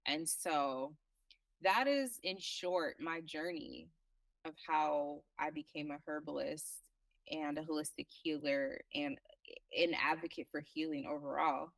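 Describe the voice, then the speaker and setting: Low-voiced woman from liberia, earnest guest on a podcast, dry and a bit far from the mic. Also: vocal fry, no room sound. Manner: earnest, reflective, halting restarts. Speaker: guest herbalist. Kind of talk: casual interview talk.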